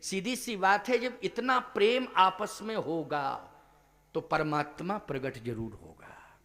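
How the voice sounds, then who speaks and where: A man's voice: high-pitched, slow, creaky, a bit bright. A male preacher giving a devotional sermon who keeps asking the audience questions.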